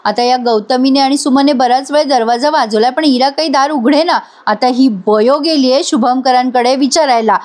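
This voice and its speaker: A woman narrating a TV episode recap in a chatty way, speaking directly to her audience. Her voice sits high throughout. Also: normal speed, few pauses, a little mellow. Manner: chatty, addresses viewers directly. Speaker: TV episode reviewer.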